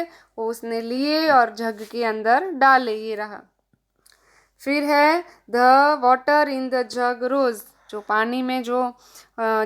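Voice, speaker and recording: A woman teacher guides children through workbook exercises, explaining each answer step by step in simple words. Her voice sits high and sounds smooth and clear. She speaks slowly and stretches out the English sentences as she reads them. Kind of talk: workbook walkthrough lesson.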